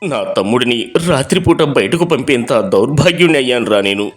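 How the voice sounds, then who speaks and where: A man's voice: animated, a little fast, soft background music, close to an everyday voice. Man voicing a tearful, helpless elder brother. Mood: sorrowful. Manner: low, sorrowful, apologetic.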